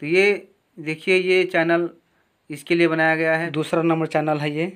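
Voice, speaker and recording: A man teaching electronics repair, explaining each wiring step slowly and with a lot of repetition at his workbench. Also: on the high side, little pitch movement, fairly bright tone, smooth. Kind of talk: hands-on repair tutorial.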